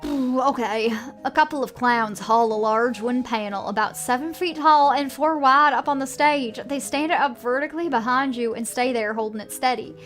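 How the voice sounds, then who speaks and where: A woman with a fairly high voice plays through a story game on stream. She narrates the on-screen text and drops in casual reactions of her own, with faint music underneath. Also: normal speed, few pauses, a bit bright. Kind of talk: video game playthrough, reading text aloud with casual reactions.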